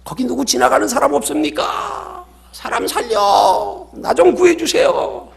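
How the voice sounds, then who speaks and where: A man acting out a panicked man hanging from a cliff, shouting and pleading in a high voice. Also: expressive, unhurried, gravelly, exaggerated voice. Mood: desperate.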